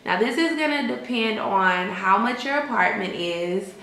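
A woman's voice: medium pitch, lively intonation, unhurried, a bit bright. A young adult woman chats casually to camera, giving advice in an emphatic, conversational way full of "like" and "you know". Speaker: vlogger giving advice to expat English teachers. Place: small indoor room with bare walls. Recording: echoey untreated room.

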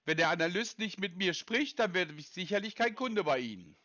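A man's voice: high-pitched, lively intonation, a little fast, sharp tone, no echo, lo-fi sound. Impatient lecturing man on a call. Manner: impatient, lecturing, interrupts often. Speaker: scam-baiting caller. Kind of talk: prank call to a scam call center.

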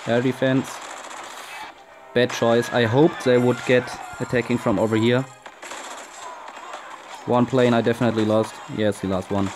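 A young man with a German accent narrates his own strategy game in a casual, exasperated way, swearing often and speaking straight to his viewers. His voice sits at a middle pitch, and faint music plays underneath. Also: flat delivery, measured pace, long pauses. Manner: frustrated, swearing, talks to viewers. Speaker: game commentator. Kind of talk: casual gameplay commentary.

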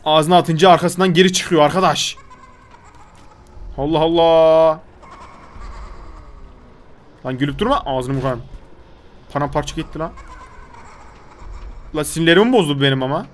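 A man's voice: fairly high pitch, normal speed, pauses often. A man giving chatty, exasperated commentary while playing a video game, often scolding the character on screen. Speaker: gaming video host. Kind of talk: gameplay commentary.

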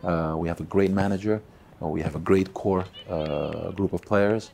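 A man in his forties speaks in a deep, mellow register with a gravelly, husky grain. He answers questions in a seated interview, stumbling over and repeating words and filling pauses with "uh". He sounds close to the mic in an indoor room. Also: fairly even intonation, a little hiss or hum. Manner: halting, repeats words, many fillers. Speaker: football club chairman. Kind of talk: sit-down interview. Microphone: close mic, seated on camera.

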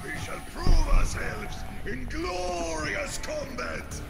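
Reinhardt, booming old knight. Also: male voice, sing-song, takes it slowly, creaky, exaggerated voice. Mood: reassuring. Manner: grand, booming battle declarations. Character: boisterous old armored male knight, hero. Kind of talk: video game character voice lines. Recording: game audio over loud music.

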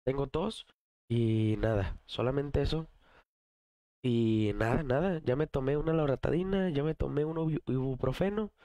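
A man with a Mexican Spanish accent, chatting casually on a morning live stream, slangy and hyped, his voice a little rough from a cough. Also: medium pitch, moderate pace, dark tone, no room sound.

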